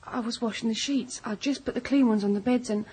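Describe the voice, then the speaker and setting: A woman's voice: a little high, a little fast, warm tone, slight background noise, close to an everyday voice. A woman playing a timid young servant girl. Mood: nervous. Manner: nervous, hesitant, stammering. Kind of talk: radio drama.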